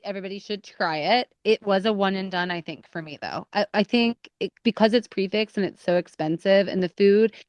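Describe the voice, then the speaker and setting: A woman's voice: medium pitch, brisk, few pauses, a little mellow, clear, resonant tone, dry recording. A woman chatting casually as a panelist in a gushing, enthusiastic manner. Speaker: panelist in a theme park draft game. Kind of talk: casual chat.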